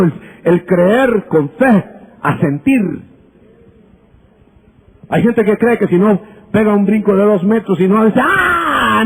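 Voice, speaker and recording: A man preaching in a husky, fairly high voice. He is emphatic and builds at times to shouts. He acts out conversations to make his points. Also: poor audio. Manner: acts out dialogues with listeners. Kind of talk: sermon.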